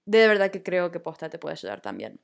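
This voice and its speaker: A woman's voice: fairly low pitch, very animated, a little fast, vocal fry. A young woman with a Rioplatense accent, hosting a casual solo podcast in an upbeat, chatty, confiding way. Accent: Rioplatense Spanish. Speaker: podcast host.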